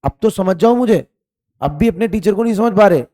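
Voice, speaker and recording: A male chemistry teacher leads an online exam-prep lesson. He speaks in a fairly high, mellow voice. He fires questions at the class, repeats them and sternly scolds students for answering lazily. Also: animated, fairly quick.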